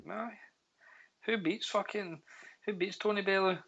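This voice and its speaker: A man's voice: high-pitched, steady tone, unhurried, a bit bright, slight background noise. A Scottish man with a Glasgow street accent, bantering casually and bluntly about sport with plenty of swearing and slang. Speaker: podcast panellist. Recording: dull, lo-fi voice line.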